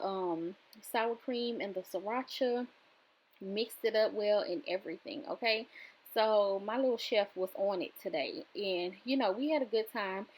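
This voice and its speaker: A woman's voice: medium pitch, poor audio. A young woman chatting casually to her viewers in a home kitchen vlog, talking them through the cooking with lots of fillers. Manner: chatty, filler-heavy, addresses viewers directly. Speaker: vlogger.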